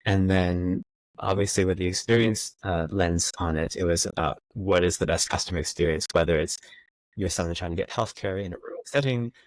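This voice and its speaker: A low-voiced American guest in his thirties talks a little fast, thinking through interview questions with frequent fillers and restarts. The audio is poor, with no echo.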